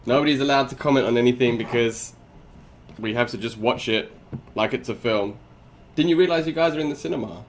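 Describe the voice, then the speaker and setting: A man's voice: mid-range voice, brisk, a little hiss or hum. A man streaming live, reacting to a video with sarcastic commentary, laughing often and talking to his chat.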